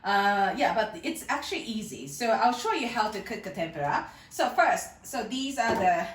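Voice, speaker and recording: A woman's voice: medium pitch, sing-song, moderate pace, a little hiss or hum. A woman in her thirties from Tokyo with a Japanese accent, hosting a casual cooking demo in her home kitchen, chatty and rambling and laughing often. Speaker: cooking video host. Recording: echoey kitchen, mic at a distance.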